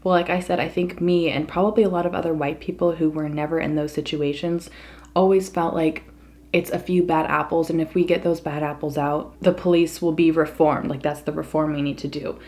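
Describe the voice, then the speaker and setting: A woman's voice: deep voice, little pitch movement, a little fast, a little mellow. An American woman talking casually to her viewers in an opinion monologue, earnest and emphatic. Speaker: mukbang vlogger.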